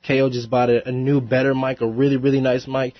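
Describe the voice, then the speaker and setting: A young rapper guesting on college radio chats casually, laid-back and rambling with fillers, laughing a lot. His medium-pitched voice moves quickly with little pitch movement. The studio is dry, with no room sound, and sounds kind of dull.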